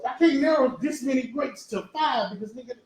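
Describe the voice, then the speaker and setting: A man's voice: extremely high pitch, fairly quick, reverberant, a loud crowd, low-quality recording. A man in his thirties in a casual group chat about music, talking over the others and repeating himself as he argues his point. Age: 30s.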